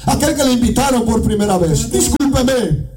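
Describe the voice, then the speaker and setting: A man from Guatemala with a Guatemalan Spanish accent preaching an evangelical sermon, swinging into shouted, half-sung climaxes and returning again and again to "amado hermano". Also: extremely high pitch, lively intonation, moderate pace, far from the mic, rough recording. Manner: repeats "amado hermano" as a refrain.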